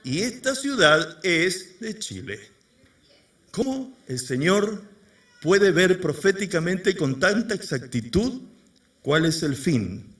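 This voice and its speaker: A man's voice: high voice, sing-song, slow pace, a bit bright, far from the mic. A man preaching a sermon to a church congregation, firing rhetorical questions at the people. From Argentina. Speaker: pastor. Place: church service before a congregation.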